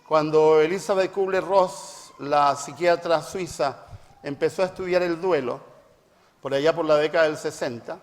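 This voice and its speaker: A middle-aged man preaching a reflective talk with personal anecdotes, emphatic and repeating phrases for stress, in a hall with a long reverb. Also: high-pitched. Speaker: preacher and family therapist.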